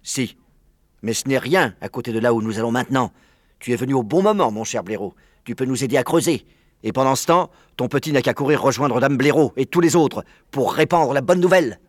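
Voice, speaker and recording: A man's voice: mid-range voice, lively intonation, a little fast, no echo, clean studio sound, natural voice. A man voicing a sly, confident father fox who speaks in a confiding, scheming way. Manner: warm, mysterious, confiding.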